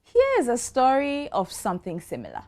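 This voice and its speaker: A woman's voice: fairly high pitch, wildly swooping pitch, normal speed, noisy background. A woman with a Ghanaian accent presenting and narrating a news programme from a script. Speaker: presenter and reporter.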